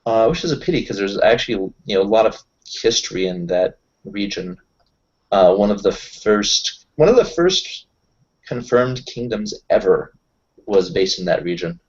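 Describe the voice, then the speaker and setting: A man with a lowish voice and lively intonation speaks at a normal speed, chatting casually as a player in a tabletop roleplaying group. He explains things discursively in casual in-character group talk, and the recording has its highs cut off.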